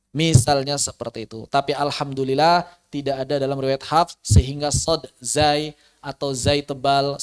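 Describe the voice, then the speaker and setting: Man, fairly high voice, patient explaining, online recitation lesson, video call. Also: clean tone. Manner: patient explaining, drawn-out examples. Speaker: Quran recitation teacher.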